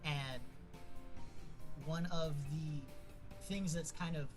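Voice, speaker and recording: A man's voice: fairly high pitch, fairly even intonation, slow. A man casually introducing himself and his character as a player in a tabletop game. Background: music.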